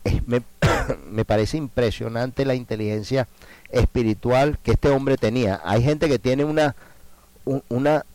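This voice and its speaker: A male preacher in full sermon mode. He drops to hushed, prayerful tones, then climbs into loud, fervent cries as he retells a scripture scene. His voice sits at an ordinary middle pitch for a man. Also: a little slow, no echo, low-quality recording.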